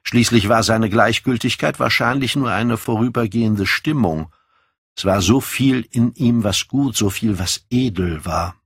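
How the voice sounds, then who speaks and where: A man narrating a classic novel as an audiobook, measured and even. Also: lowish voice, husky, no room sound, studio quality.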